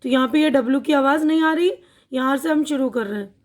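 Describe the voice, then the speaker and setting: A woman teaching an online spoken-English lesson, explaining words slowly and repeating each one, often checking in with her listeners. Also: sits high. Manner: checks in with "theek hai na".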